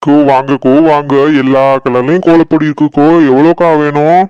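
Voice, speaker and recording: A man voicing a friendly young street vendor with a Tirunelveli Tamil accent, full of flattering sales patter. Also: fairly high pitch, fairly quick, highs cut off, a little hiss or hum, lightly acted. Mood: cheerful.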